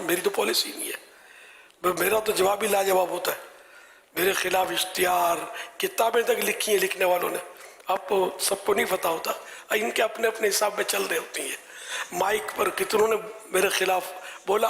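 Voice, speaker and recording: A man giving a live religious talk with soft-spoken advice, often dropping to a whisper. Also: sits high, creaky, big-room sound. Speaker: religious scholar.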